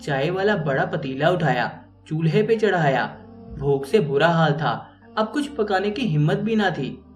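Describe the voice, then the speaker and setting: A man's voice: fairly high pitch, lively intonation, unhurried. A man narrating a moral story in an earnest, moralizing way. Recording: roomy, distant mic, faint music.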